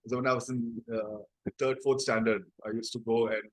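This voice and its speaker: A man's voice: medium pitch, level tone, a little fast, no echo. A man with a South Indian accent telling his story conversationally as an interview guest, explaining things and often adding tag questions. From Chennai, South India. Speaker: interview guest, company founder.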